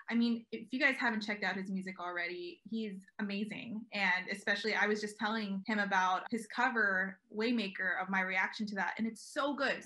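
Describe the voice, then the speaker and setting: A woman's voice: a little high, sharp tone. A woman hosting a podcast in an upbeat, enthusiastic way. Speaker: podcast host.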